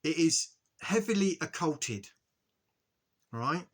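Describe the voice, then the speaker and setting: A man giving an earnest, halting spiritual monologue to his viewers, often stopping to ask "okay?" and restarting his sentences. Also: on the high side, very animated. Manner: earnest, repetitive, frequent "okay?" check-ins. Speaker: spiritual video host.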